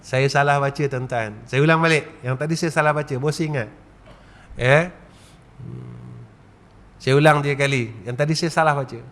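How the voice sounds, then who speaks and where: A man preaching a religious lecture in a Malaysian Malay accent, asking rhetorical questions and leading slow chanted recitations. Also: mid-range voice, sing-song, creaky, fairly bright tone. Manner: rhetorical questions, repeated 'tuan-tuan'.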